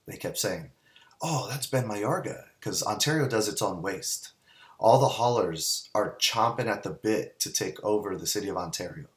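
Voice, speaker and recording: Man, low voice, casual storyteller, animated and rambling. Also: normal speed. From Southern California. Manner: animated, rambling anecdotes with many restarts. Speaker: guest business owner.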